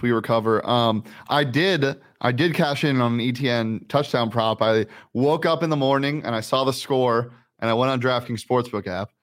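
Man, sports betting host, upbeat, casual chat, mid-pitched voice. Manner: upbeat, rattles off picks with quick exclamations.

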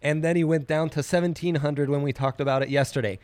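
A man's voice: a little high, fairly even intonation, fast talker, darkish tone, no room sound. A man co-hosting a sports betting show with casual, playful, jokey banter.

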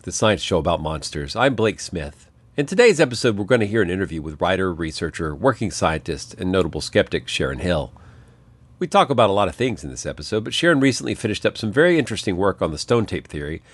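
Male host-narrator, deep voice, close dry sound. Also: no room sound. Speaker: podcast host. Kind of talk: scripted narration.

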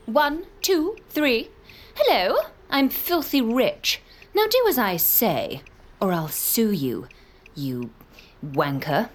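A woman speaking through a voice changer that warps her pitch as she tests it, putting on a snooty, bossy rich caller. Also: very animated, slow pace, full character voice. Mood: playful, mocking. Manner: playful testing of a morphing voice. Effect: voice changer warping the pitch up and down.

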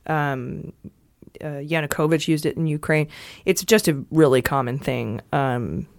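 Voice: medium pitch, unhurried, gravelly, dry recording, studio quality. Wry, sarcastic podcast host. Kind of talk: casual political news chat.

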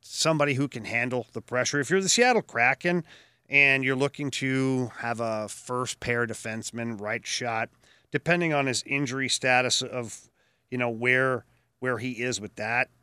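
A man co-hosting a casual sports podcast, giving opinionated, animated takes on hockey trades and staff moves. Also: medium pitch, moderate pace, clear, resonant tone, no echo, clean studio sound. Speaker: podcast co-host.

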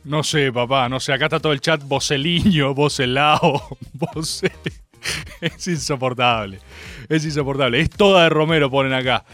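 A young man with an Argentine accent hosting a radio show, chatting casually and sarcastically, jumping from high mocking voices to low mutters. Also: moderate pace, fairly bright tone, faint music behind. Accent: Argentine Spanish. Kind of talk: casual comedic radio talk.

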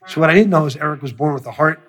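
A man's voice: on the high side, very fast. A man, a music producer, telling a long story in an interview, swearing freely and acting out what people said. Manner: profane, animated storyteller who acts out quotes.

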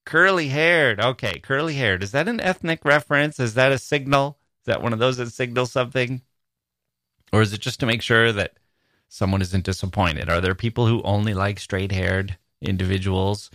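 Personal ads get read aloud by this podcast host, a man with a mid-range voice and a sharp tone who speaks at normal speed. His solo commentary is humorous and wryly amused, with musings posed as rhetorical questions, captured in studio quality without echo.

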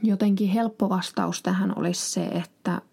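Casual podcast host, woman, dark gravelly tone, chatty and rambling. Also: mid-range voice, steady tone. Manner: chatty, rambling, many fillers and restarts.

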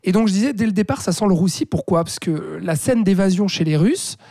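A man's voice: sits high, animated, a little fast, vocal fry, warm tone, no echo, studio quality. A man co-hosting a casual film discussion, blunt and opinionated, with lots of fillers. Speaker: film critic co-host.

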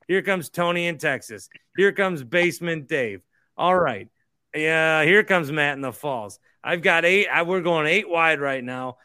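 Drunk, bright-voiced man ranting. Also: a little high, no echo, studio quality. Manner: profane, exasperated, rambling. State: drunk, tipsy. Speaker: host of a sports fan livestream. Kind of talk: rambling livestream rant about basketball.

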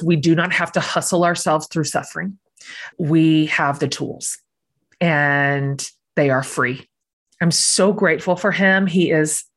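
A middle-aged woman hosts a podcast and speaks in an earnest, effusive way. Her voice sits a little low in pitch. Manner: effusive, warm praise, earnest. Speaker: podcast host. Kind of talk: podcast interview.

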